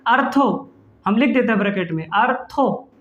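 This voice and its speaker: A man's voice: very high voice, lively intonation, moderate pace, fairly bright tone, reverberant, highs cut off. A male chemistry teacher giving an online class, playful and teasing, calling his students "beta" and answering his own questions. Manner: calls students "beta" affectionately.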